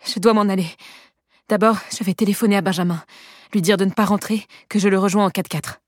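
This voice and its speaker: A woman's voice: on the low side, steady tone, a little fast, a little mellow, husky, no echo, studio quality. A woman reading the lines of an alarmed young woman talking to herself in an audiobook. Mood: anxious. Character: young blonde woman, frightened and anxious.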